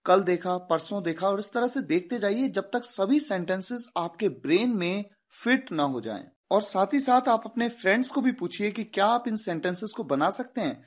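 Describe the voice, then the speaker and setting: A man with an Indian English accent teaching English in an online video lecture. He addresses viewers directly and says English sentences slowly and deliberately. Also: high voice.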